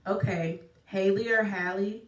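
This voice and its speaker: A woman's voice: medium pitch, steady tone, measured pace. A young woman guest talks loosely and bluntly on a podcast, swearing without a second thought. Her voice sits mid-range and reaches the mic from a little way off, in an echoey room. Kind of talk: casual podcast chat. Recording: roomy echo, mic at a distance.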